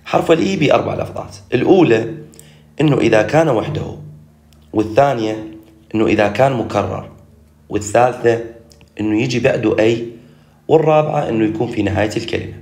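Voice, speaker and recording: A man with an Iraqi Arabic accent teaching English reading, sounding out words slowly and telling the viewer what to do. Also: mid-range voice, animated, a little mellow. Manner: slow, drawn-out sounding-out of words; direct, instructs the viewer. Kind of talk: recorded online lesson.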